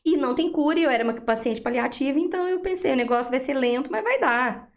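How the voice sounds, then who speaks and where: This interview guest, a Brazilian Portuguese-accented woman, tells the story of her faith in an animated way, performing the lines of dialogue she recounts. She speaks in a high register and moves at a quick clip.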